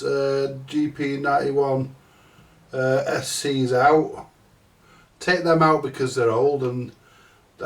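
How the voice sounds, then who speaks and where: A middle-aged man with a stuffy cold, the host of a repair channel, talks through a fix in a small, cluttered indoor electronics workshop. His mid-range voice sounds reverberant and far from the mic, and he's slow, rambling, casually sweary, and self-mocking.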